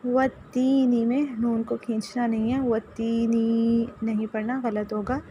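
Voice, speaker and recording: A woman's voice: fairly high pitch, little pitch movement, measured pace, dark tone, a little hiss or hum. A woman teaching Quran recitation rules in a tajweed lesson, patiently correcting pronunciation and repeating words to show how they should sound.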